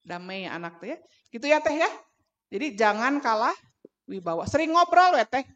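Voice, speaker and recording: Sundanese woman speaker, a bit high-pitched, animated storytelling, acts out mother and child voices. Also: moderate pace, muffled recording. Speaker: parenting speaker. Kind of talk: talk at a mosque. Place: mosque.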